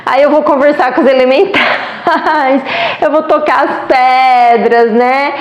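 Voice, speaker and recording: A Brazilian travel vlogger with a Brazilian Portuguese accent tells a travel story in an animated, casual way, laughing often. Her voice is high-pitched and slow, and the muffled recording has an echoey room sound.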